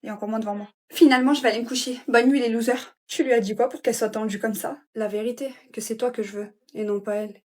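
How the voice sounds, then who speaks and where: A woman's voice: fairly high pitch, fairly even intonation, fast talker, few pauses, a little mellow. A woman performing comedy sketches, trading brash slangy retorts as every character.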